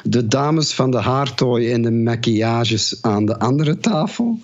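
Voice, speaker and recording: A man from Kalmthout with an Antwerp Flemish accent, chatting casually and haltingly with many fillers as podcast co-host. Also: mid-range voice, animated, dull audio. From Kalmthout, Belgium. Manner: rambling, hesitant, many fillers. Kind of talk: casual chat.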